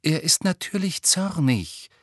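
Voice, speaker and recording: A man voicing a clever teenage girl who speaks in a crisp, firm, cutting way in a storybook reading. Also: medium pitch, big pitch swings, normal speed, fairly bright tone, dry recording, studio quality, pitched above the performer's own voice.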